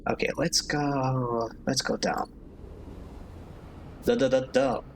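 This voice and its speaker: Male streamer, casual, chatty, giggly, middle pitch, game narration. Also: fairly even intonation, takes it slowly, a little hiss or hum, poor audio. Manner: chatty and giggly, talking to chat.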